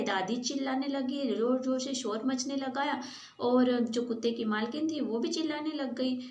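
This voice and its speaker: Woman teacher, high voice, patient story explanation, echoey room. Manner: patient, retells in simpler words. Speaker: school teacher. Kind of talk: reading and explaining a story to a class.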